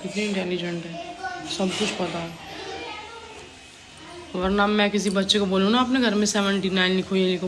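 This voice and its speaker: A woman chatting casually to viewers and children at her village home while she films on a phone. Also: medium pitch. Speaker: vlogger. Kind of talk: casual home vlog chat. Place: village house and rooftop, outdoors.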